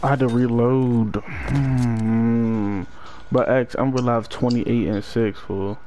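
A man's voice: medium pitch, steady tone, slow, dark tone, a little hiss or hum. A man in casual gaming voice chat, making slangy play-by-play remarks. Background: game gunfire.

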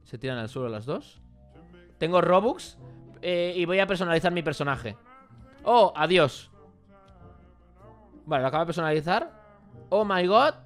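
A young man with a Spain Spanish accent gives casual reaction commentary as a YouTuber, jumping between loud exclamations and muttered asides. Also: a little high, expressive, normal speed, long pauses, soft background music.

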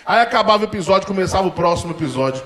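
A man's voice: sits high, lively intonation, very fast, a bit bright. A man with a Brazilian accent doing stand-up comedy, brash, profane and self-mocking. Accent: Brazilian Portuguese. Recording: echoey stage room.

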